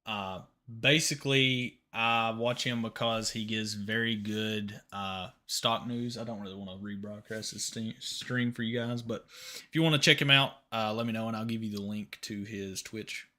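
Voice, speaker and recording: A man's voice: lowish voice, steady tone, normal speed, bright, forceful tone. A man in his mid twenties hosting a casual live stream, chatting easily and tossing questions to viewers. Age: 20s. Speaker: livestream host.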